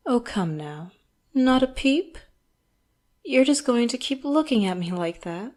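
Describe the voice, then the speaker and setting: A woman's voice: fairly high pitch, animated. A woman playing an elegant, condescending villain interrogator in an audio roleplay, speaking in a theatrical, mock-polite, taunting way. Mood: condescending, patient. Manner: slow, theatrical, mock-polite, taunting, drops into hushed asides. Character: elegant, wealthy villain boss, coolly menacing and condescending interrogator. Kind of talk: audio roleplay, scripted monologue to the listener.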